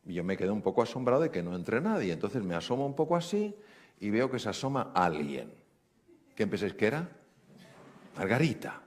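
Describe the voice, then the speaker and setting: A man with a Spain Spanish accent tells a story from his work as a doctor and acts out the dialogue. His fairly low voice swings widely in pitch. His delivery is animated and expressive. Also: a little fast. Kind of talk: storytelling talk.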